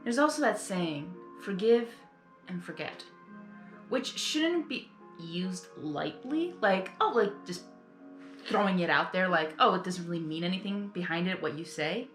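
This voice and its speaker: A woman with a lowish voice and lively intonation hosts a casual reaction video at a measured pace. Her emotional commentary rambles and is full of exclamations and repeated phrases, recorded in a roomy space with faint music in the background.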